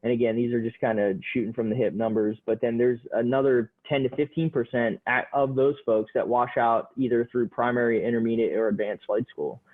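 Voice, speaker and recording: A man's voice: medium pitch, steady tone, brisk, few pauses. A man in his thirties, a Marine pilot guest, talking in a laid-back way with lots of fillers in a casual podcast interview. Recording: tinny phone-like line.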